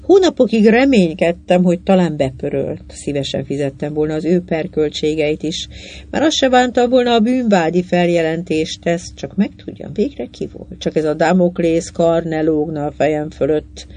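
A narrator reading a literary short story aloud in a measured, unhurried way. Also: mid-range voice, lively intonation, warm tone.

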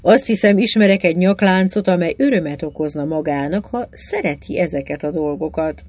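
A woman reading aloud, voicing a calm, confident man who speaks plainly and unhurriedly. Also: lowish voice, no room sound, close to an everyday voice. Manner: calm, plain, matter-of-fact.

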